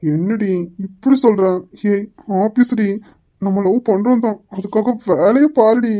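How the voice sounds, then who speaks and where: A woman's voice: mid-range voice, measured pace, muffled recording, close to an everyday voice. A woman playing a harried young man, an office boss and boyfriend, who scolds his late girlfriend. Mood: exasperated. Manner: exasperated, scolding. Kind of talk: amateur romance skit.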